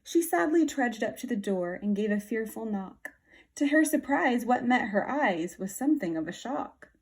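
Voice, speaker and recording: A woman's voice: on the high side, normal speed, slightly rough. Woman reading a rhyming picture book. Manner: rhythmic, expressive. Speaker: children's book reader.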